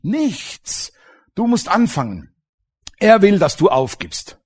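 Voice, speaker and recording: A man's voice: sits high, big pitch swings, slow pace, a little mellow, slightly rough. A middle-aged man preaching a sermon as pastor. He speaks with emphasis and keeps throwing rhetorical questions to the congregation.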